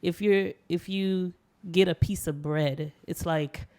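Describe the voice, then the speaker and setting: A woman with a lowish voice talks casually on a podcast. She pauses often and fills the gaps with ums as she gathers her thoughts. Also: fairly even intonation, darkish tone. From Haiti. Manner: hesitant, many ums.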